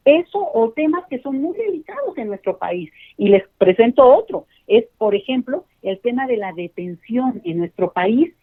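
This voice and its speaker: A woman's voice: on the high side, very animated, normal speed, hardly any pauses. Emphatic woman over a phone line. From Mexico. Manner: emphatic, explanatory, addresses listeners directly. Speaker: expert guest. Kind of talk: phone-in interview. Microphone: telephone.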